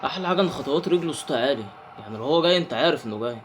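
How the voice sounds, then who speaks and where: Jumpy Egyptian gamer with a lively voice. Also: male voice, on the high side, racing, slight background noise. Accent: Egyptian Arabic. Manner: jumpy, talks to himself and the game, yelps when startled. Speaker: gaming channel host. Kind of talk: horror game let's play commentary.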